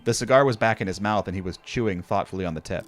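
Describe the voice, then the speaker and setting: Deep-voiced man narrating a horror story. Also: fast, soft background music. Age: older. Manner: wry, conversational, profane.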